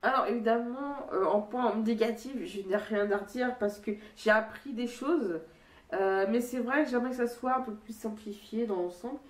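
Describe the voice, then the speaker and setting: A woman's voice: fairly high pitch, moderate pace, soft background music. A young woman with a blocked, stuffy nose gives a casual book review, speaking nasally in a hesitant, rambling way and often rephrasing mid-sentence. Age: young adult. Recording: echoey room, distant microphone.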